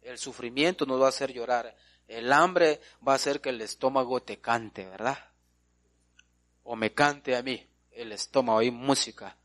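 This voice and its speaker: A man's voice: mid-range voice, normal speed, fairly bright tone. A male preacher, delivering an emphatic sermon and often addressing his listeners as brother.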